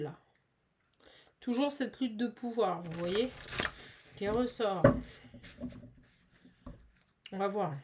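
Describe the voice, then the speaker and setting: A woman giving a casual, chatty tarot card reading, animated and full of fillers. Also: mid-range voice.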